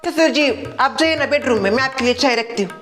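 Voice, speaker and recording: A woman acting the daughter-in-law in a comedy sketch, placating and quick with replies. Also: high voice, fairly bright tone, faint music behind. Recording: echoey room with long reverb.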